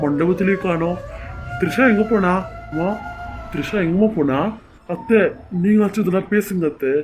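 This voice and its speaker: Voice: medium pitch, a little mellow, natural voice. A performer voicing a young husband who coaxes and fusses over his pregnant wife in an amateur serial story. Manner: coaxing, then alarmed and pleading.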